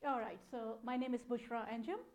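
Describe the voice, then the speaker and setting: Speaking a little fast at a fairly high pitch, this woman has a steady, darkish tone. She's in her thirties, has a Pakistani accent, and works as a data analytics program manager, giving a casual conference presentation that explains things conversationally.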